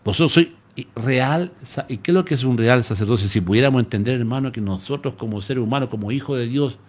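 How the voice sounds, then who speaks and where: A pastor from Chile with a Chilean Spanish accent, preaching a live-streamed sermon in an animated storytelling manner. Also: male voice, mid-range voice, a little fast. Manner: animated storytelling, addresses listeners as "hermano".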